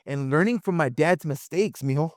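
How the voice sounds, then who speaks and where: A man's voice: a little high, normal speed, no room sound, clean studio sound. A man, co-hosting a podcast and sharing a personal testimony in an emotional way, repeating phrases and saying "bro" often. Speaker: podcast co-host. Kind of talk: casual chat, personal testimony.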